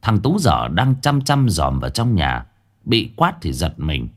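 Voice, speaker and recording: Animated low-voiced male storyteller. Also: a little slow. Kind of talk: dramatic ghost story narration.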